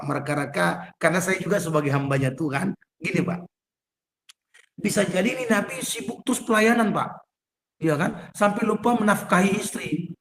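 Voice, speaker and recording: A man's voice: a little high, fairly bright tone, reverberant. A man preaching as a pastor to an online prayer group, conversational and folksy, turning to his listeners again and again. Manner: conversational, addresses listeners as "Pak" constantly. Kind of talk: sermon. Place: home, online prayer meeting. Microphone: video call.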